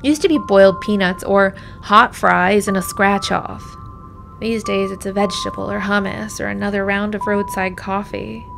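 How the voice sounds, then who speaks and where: Gravelly-voiced woman narrating a musing essay. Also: mid-range voice, fairly even intonation, moderate pace. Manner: wistful, musing, drifts into near-whispers. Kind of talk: reflective scripted narration. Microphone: voice-over. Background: music.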